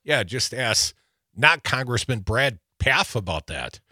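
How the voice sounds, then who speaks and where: Wry, husky-voiced Wisconsin man. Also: medium pitch, sing-song, slow, sharp tone, no echo, clean studio sound. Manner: wry, jokey, reads news items aloud with asides. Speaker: co-host of a political talk show. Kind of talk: casual political banter.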